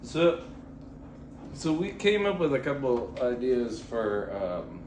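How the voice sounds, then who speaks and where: A young man co-hosting a podcast, chatting casually and prompting with halting questions. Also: medium pitch, big pitch swings. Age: young adult. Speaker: podcast co-host. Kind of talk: casual interviewing chat. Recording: echoey room, faint noise.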